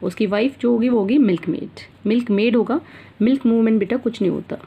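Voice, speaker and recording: Brisk and warm with vocal fry, a fairly high, slightly rough female voice comes through a muffled recording. The speaker, an Indian school teacher, teaches English grammar to children by blending Hindi and English, calling them "beta" and often repeating and asking "theek hai na".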